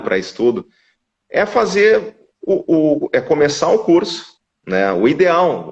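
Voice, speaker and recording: A man, a guest from a language school, explaining at length in casual live-stream conversation with frequent restarts. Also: medium pitch. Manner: explanatory, restarts with repeated words. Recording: dull lo-fi audio.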